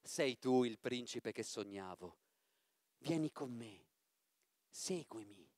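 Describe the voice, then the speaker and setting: A gentle young princess from a storybook, as a man reads her. The voice is soft and tender, with lively rises and falls. The sound is dry and close. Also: mid-range voice, slow pace, dry recording, voice pushed down.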